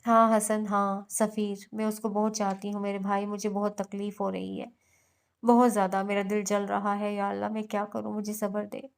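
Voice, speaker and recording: A woman's voice: mid-range voice, flat delivery, normal speed, vocal fry, smooth, natural voice. A woman narrator voicing a grieving young woman who pleads through tears. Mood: anguished. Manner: sobbing, pleading outbursts.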